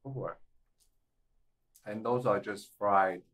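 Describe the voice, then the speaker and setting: A man's voice: fairly low pitch, takes it slowly, a bit bright. A man hosting a casual mukbang vlog at a table at home, upbeat and playful, often chuckling. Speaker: vlogger host.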